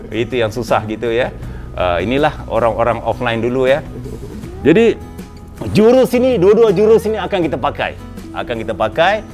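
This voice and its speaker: A man with a Malay accent hosts a casual business chat in an indoor room with a small group present. He speaks conversationally, using lots of fillers and jumping in pitch for emphasis.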